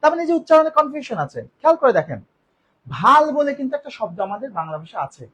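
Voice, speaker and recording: A man teaching a spelling lesson for exam preparation, explaining patiently and repeating example sentences slowly. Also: very high voice, very animated, fairly bright tone, slight background noise, poor audio. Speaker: grammar teacher.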